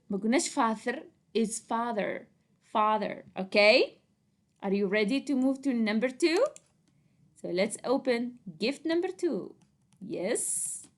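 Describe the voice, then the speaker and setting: Woman teacher, young adult; unhurried, slightly high voice for a kids' English lesson. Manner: switches between slow drilled English and rapid Arabic explanation. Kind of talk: classroom lesson for kids.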